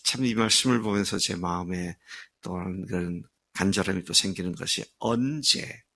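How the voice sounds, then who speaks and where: Gravelly, husky-voiced male pastor preaching. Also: deep voice, sharp tone. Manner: earnest, emphatic preaching with drawn-out phrases and fillers. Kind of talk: sermon.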